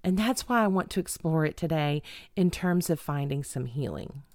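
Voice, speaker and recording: Emphatic middle-aged female podcast host, animated and lively in delivery, dry recording. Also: low voice, moderate pace, no room sound. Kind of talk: self-help podcast monologue.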